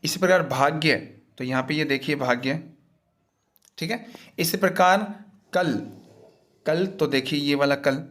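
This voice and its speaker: A man's voice: fairly high pitch, measured pace, pauses often, a bit bright. A man teaching as he walks through a worksheet's answers, explaining each one patiently and step by step in a repetitive way.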